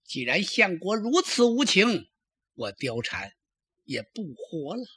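A tearful young concubine pleads and protests, her husky voice swinging widely in pitch. She is cunning beneath the tears, as a man in a traditional storytelling show plays her. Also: very animated, slow pace, a bit bright, dry recording, clean studio sound, exaggerated voice. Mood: sobbing protest.

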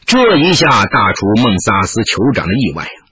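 A man narrating a martial-arts story with an expressive, dramatic delivery, on a dull lo-fi recording. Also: on the low side, moderate pace, breathy edge, no echo.

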